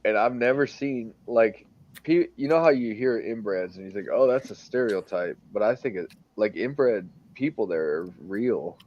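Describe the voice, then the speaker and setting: A man's voice: on the low side, animated, moderate pace, a little mellow. A man who drives trucks, chatting casually and rambling with lots of "like" and frequent laughs. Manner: rambling, heavy on "like", laughs often. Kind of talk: casual group chat. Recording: dull lo-fi recording.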